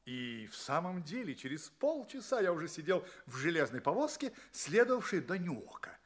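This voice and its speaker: In theatrical audio play narration, an actor plays an earnest, polite space traveller recounting his adventures, using dramatic pauses. His fairly high voice is very animated with a breathy edge, and the mood is wry storytelling.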